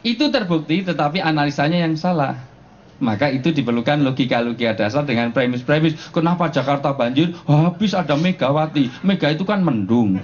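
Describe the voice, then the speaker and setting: A man's voice: on the high side, fairly quick. A man giving a humorous sermon, telling jokes and chuckling often. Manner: joking, animated storytelling with frequent chuckles. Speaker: preacher. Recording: dull, noisy live recording.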